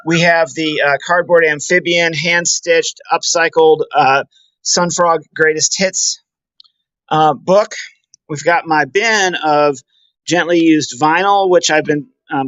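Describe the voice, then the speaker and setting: A poet promoting his book gives a walking video tour, talking casually, enthusiastically, and effusively in a slightly high, somewhat bright voice with no echo. The audio comes from a handheld camera and sounds dull and lo-fi.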